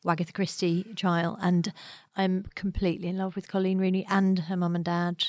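A woman with a British accent co-hosting a podcast, chatty and enthusiastic, with quick asides. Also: lowish voice, level tone, darkish tone, dry recording. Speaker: podcast co-host. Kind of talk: casual chat. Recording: dry studio.

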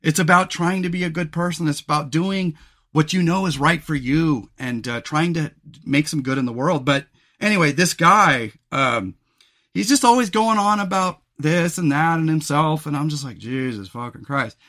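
Bright-voiced man hosting a podcast. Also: on the high side, normal speed. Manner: rambling and reflective, many fillers and restarts. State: losing his voice, clears throat often. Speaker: podcast host. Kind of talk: solo podcast monologue.

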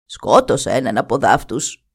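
A woman voicing a proud old grandmother who is a rainbow spirit, speaking slowly and grimly in a storybook reading. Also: extremely low pitch, big pitch swings, gravelly, slightly rough, pitched below the performer's own voice, heavily acted. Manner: slow, grim, boastful.

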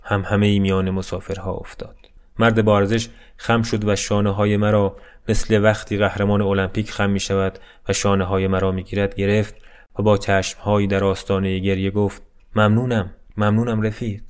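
A man narrating a short story in a measured, subdued reading. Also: on the low side, completely flat delivery, smooth.

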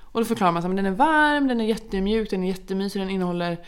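In a casual chat, a mother in her thirties who co-hosts a podcast shares family anecdotes, acting out quotes and laughing often. Her voice sits at a medium pitch with a clean tone.

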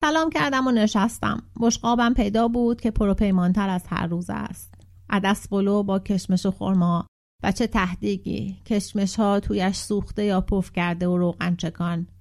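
A woman reads a literary short story aloud in a steady, even storytelling voice. She voices the quoted characters with a light shift in tone, while her pitch stays in an ordinary middle range for a woman. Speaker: narrator reading a short story. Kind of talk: audiobook narration with voiced dialogue.

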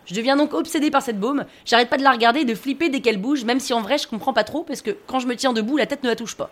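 Fast-talking woman telling a comic story. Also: fairly high pitch. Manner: wry, fast-paced self-mocking narration. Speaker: podcast storyteller.

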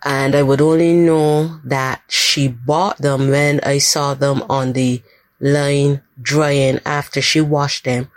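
A woman from Barbados, slowly and gently sharing a personal memory in a recorded message. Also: very deep voice, dry recording. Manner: slow, gentle, heartfelt storytelling.

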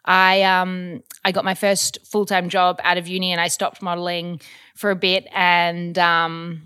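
A woman's voice: lowish voice, completely flat delivery, measured pace, sharp tone, clear, resonant tone. A young Australian woman chatting casually as an interview guest, with lots of ums and likes. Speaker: guest, model and influencer.

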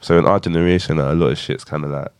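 A teenage man with a low, deep voice and a London roadman accent. He talks in street slang as a host in a relaxed group chat. The sound is close and dry. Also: very fast, clean tone, dry recording. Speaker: podcast host.

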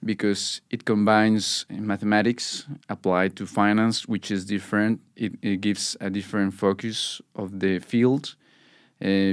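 Smooth-voiced Mexican man explaining. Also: fairly low pitch, dry recording, clean studio sound. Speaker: student guest. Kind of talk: casual interview answers.

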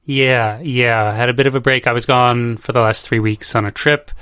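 A man's voice: mid-range voice, fairly even intonation, moderate pace, bright, forceful tone, clear, resonant tone, no room sound, clean studio sound. A man hosting a casual podcast chat, out of breath and rambling, laughing often. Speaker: podcast host. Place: home.

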